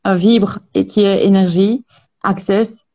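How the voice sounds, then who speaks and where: A woman with a mellow, soft-edged voice speaks calmly and at a measured pace, often pausing on hesitations. She explains energy healing sessions as a guest in an interview. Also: medium pitch. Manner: calm, measured, many hesitations. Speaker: Access Bars practitioner, guest.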